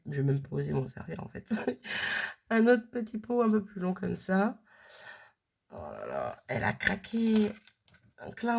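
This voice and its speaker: Husky woman with a bit of fry, unboxing craft stuff and gushing over everything. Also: mid-range voice, darkish tone. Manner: gushing, chatty, keeps repeating her delight. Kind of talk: casual unboxing chat.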